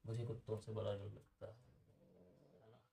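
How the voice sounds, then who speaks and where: A man gives a casual computer lesson, chatting with his students and wandering off into asides. His voice is low and mellow with fairly flat intonation. He sounds a little off-mic, in a room with noticeable echo. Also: normal speed, vocal fry, recorded from a distance. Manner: chatty, asks students questions and digresses. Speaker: computer teacher.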